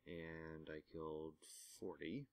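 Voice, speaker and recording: A man's voice: rumbling low, fairly even intonation, slow, creaky, no echo, dull audio. A man giving casual let's-play commentary on a game, with wry, self-mocking asides. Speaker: gaming commentator.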